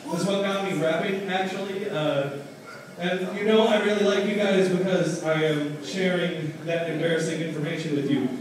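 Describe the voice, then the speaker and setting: A young man doing a stand-up comedy set, hesitant, with lots of ums and uhs. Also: on the high side. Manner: hesitant, lots of ums, acts out drunk friends in loud voices. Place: small bar stage. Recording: echoey bar, far from the camera mic.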